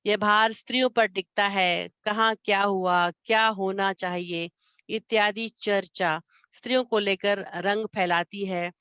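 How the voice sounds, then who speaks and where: Woman, storytelling narration, expressive, measured, middle pitch, dry sound. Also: clean tone, no echo. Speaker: literature channel reader. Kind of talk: storytelling reading and commentary.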